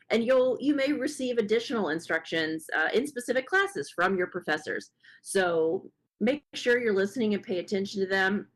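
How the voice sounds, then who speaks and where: A woman welcoming new students on a video call, hoarse and losing her voice, earnest and with many fillers. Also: mid-range voice, rough recording. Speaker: faculty speaker at student welcome session. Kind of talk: welcome address on a webinar.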